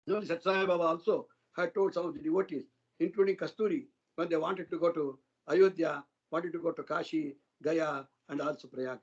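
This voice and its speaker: A man's voice: fairly high pitch, fairly even intonation, brisk, husky. A man giving a devotional satsang talk, earnestly retelling stories of saints in a loose, flowing way. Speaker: satsang speaker. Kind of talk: devotional storytelling discourse. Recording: dull lo-fi online satsang audio.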